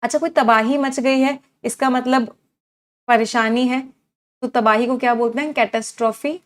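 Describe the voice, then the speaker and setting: A woman with a somewhat high voice teaches an online English vocabulary class at a moderate pace and steady tone. She drills words aloud with repeated cues and asks her students questions.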